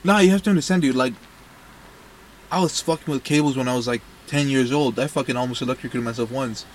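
A man's voice: medium pitch, fast, slight background noise. A man from Mexico chatting casually, joking and sarcastic, swearing often. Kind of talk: casual profane chat.

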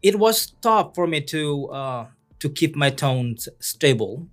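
A man's voice: on the high side, big pitch swings, slow pace. A man who speaks English as a second language, reflecting in a heartfelt way as a radio presenter. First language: not English.

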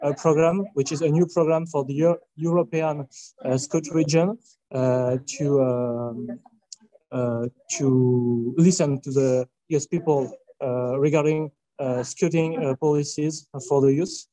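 Halting French-accented young man. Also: fairly high pitch, steady tone, dark tone, no room sound, low-quality recording. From France. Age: 20s. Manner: halting, many filler sounds and restarts. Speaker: youth scout representative. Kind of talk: panel interview.

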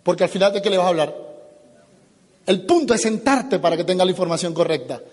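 A man giving an animated motivational business seminar talk, acting out little dialogues as he goes. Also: high-pitched, fast, long reverb tail. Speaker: business speaker.

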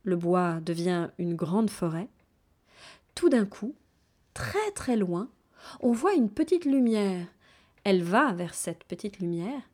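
Woman storyteller, playful and lively narration, mid-pitched. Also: slow, pauses often.

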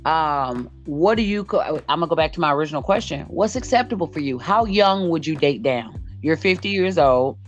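A low-pitched, expressive woman in her late forties hosts a relaxed podcast chat at normal speed with few pauses. Blunt and emphatic, she repeats her points, and the dull lo-fi recording has music underneath.

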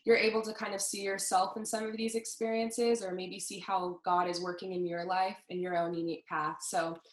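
This twenty-something podcast co-host from Southern California chats in a friendly, upbeat manner full of fillers. Her medium-pitched voice comes across flat and fairly quick. The low-quality recording is reverberant.

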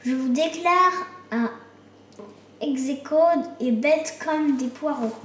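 A woman's voice: high-pitched, slow, fairly bright tone. A woman doing a cheeky little boy. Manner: childlike, cheeky. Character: cheeky little boy, sleepy then cocky. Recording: roomy echo.

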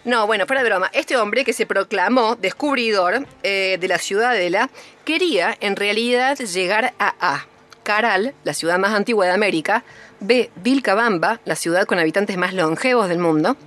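A woman's voice: medium pitch, moderate pace, a bit bright. A woman with an Argentine Spanish accent hosting a quiz, joking, teasing and drifting into playful asides. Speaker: quiz host.

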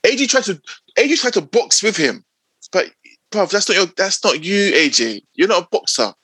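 Bright, husky London man, emphatic. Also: high voice, lively intonation, moderate pace, no room sound. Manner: emphatic, repeats phrases. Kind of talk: casual banter about boxing.

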